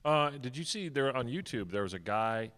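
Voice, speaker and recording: A man's voice: mid-range voice, animated, moderate pace, a bit bright. A man hosting a radio interview, joking and playful in casual chat. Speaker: radio host. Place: hotel showroom.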